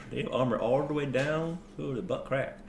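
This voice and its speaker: A man playing a crude, boastful female rogue at a tabletop game, with a slow drawl, rough grammar and crude jokes. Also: medium pitch, voice pushed down, close to an everyday voice. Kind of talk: in-character storytelling at a tabletop game. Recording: roomy echo, faint background noise.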